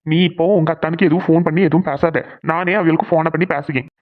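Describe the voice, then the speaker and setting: A woman voicing a calm, sensible elder brother in a cartoon, giving steady advice. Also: low-pitched, quick pace, phone-quality sound, lightly acted. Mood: advising. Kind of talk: cartoon voice acting.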